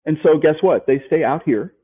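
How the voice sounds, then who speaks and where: A man's voice: on the high side, moderate pace, slightly rough. A man speaking as a life coach guest in an interview, emphatic and motivational, repeating his key points and asking rhetorical questions. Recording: tinny phone-like line.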